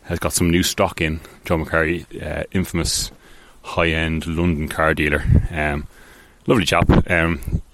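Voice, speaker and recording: A man's voice: extremely low pitch, flat delivery, a little slow, few pauses, fairly bright tone, slight background noise. A man hosting a casual solo podcast, rambling along with many ums, restarts and offhand, self-deprecating asides. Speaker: podcast host.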